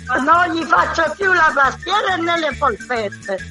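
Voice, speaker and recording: A woman's voice: very high-pitched, animated, a little slow, music in the background. A woman with a Tuscan accent talking on speakerphone during a phone call, emphatic and protesting. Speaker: prank call target. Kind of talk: phone conversation.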